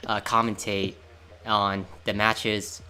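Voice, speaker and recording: A man's voice: on the low side, flat delivery, takes it slowly, pushed and bright, slight background noise. Male caster, loose chatty delivery, trips over his words, voice chat. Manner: chatty, stumbling restarts. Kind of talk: casual esports commentary.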